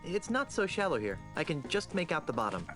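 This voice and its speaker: A naive, eager young pirate from an adventure game. His voice is lightish and fast, with very animated intonation and a wry, quipping manner. Faint music plays behind him. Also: a little high. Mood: observing.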